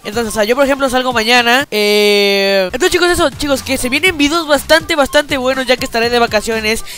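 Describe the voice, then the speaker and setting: Soft music plays behind this teen boy, a gaming YouTuber talking into a headset in very high, brisk, pushed and bright tones. Speaking in casual slang over his gameplay, he says he's a little sick and weak and constantly repeats "chicos."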